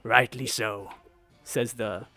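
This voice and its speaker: Man putting on a gravelly, sly hobgoblin mercenary. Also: mid-range voice, steady tone, sharp tone, faint music behind, heavily acted. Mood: sly mockery. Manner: haughty, mocking, drawn-out taunts. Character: sly, boastful, sneering hobgoblin mercenary, male.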